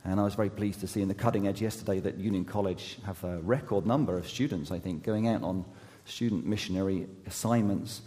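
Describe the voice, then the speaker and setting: Long hall reverb fills a church sanctuary where a man, an associate youth pastor, preaches in a low-pitched, fairly even voice. He's losing his voice and going hoarse, speaking haltingly with many fillers and restarts, softened by gentle humor about himself.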